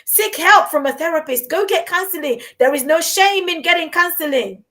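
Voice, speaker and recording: A woman's voice: very high-pitched, animated, moderate pace, a bit bright. A woman from Uganda hosting a podcast, talking in an earnest, encouraging way and often repeating her words. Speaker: podcast host. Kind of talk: conversational podcast talk. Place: London.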